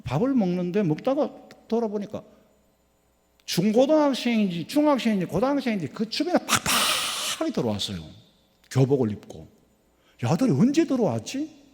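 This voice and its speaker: A man from South Korea, a pastor preaching a midweek sermon with folksy stories, swinging between loud emphatic lines and soft low asides. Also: sing-song, brisk. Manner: folksy, anecdotal, acts out dialogue. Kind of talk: sermon with storytelling. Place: church sanctuary. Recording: long hall reverb in church.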